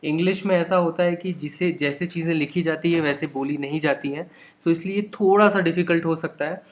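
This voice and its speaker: A young man with an Indian accent explains a textbook chapter line by line. He talks patiently, blending English words and phrases into his lesson. His voice sits a little higher than most men's. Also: fairly quick. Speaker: English teacher.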